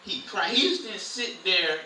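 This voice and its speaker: Bright-voiced man preaching in a roomy hall. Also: sits high, a little slow. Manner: lively, conversational, animated preaching. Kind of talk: informal Bible study teaching. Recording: roomy, distant, faint noise.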